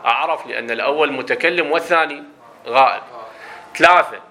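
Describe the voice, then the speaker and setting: Bright-voiced man teaching grammar. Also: fairly high pitch, fast talker. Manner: explains step by step, checks understanding with questions. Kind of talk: classroom lecture.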